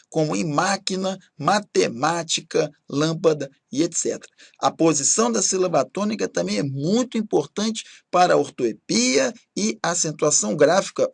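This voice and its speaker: A man's voice: high-pitched, vocal fry, slightly rough, no echo, studio quality. A man teaching a recorded grammar lesson, explaining step by step and often checking in with "ok?".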